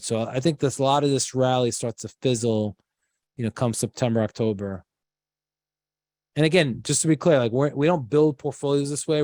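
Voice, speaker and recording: A man's voice: medium pitch, darkish tone, no room sound. A middle-aged man with a Queens accent giving casual, blunt market commentary in a conversational way, leaning on "like" and "you know". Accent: Queens, New York. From Queens, New York. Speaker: guest investment strategist.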